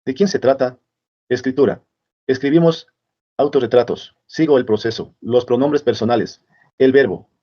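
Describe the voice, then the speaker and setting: A man reads curriculum headings aloud in a steady, measured way. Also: mid-range voice, lo-fi sound. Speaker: presenter. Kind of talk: reading a curriculum list aloud.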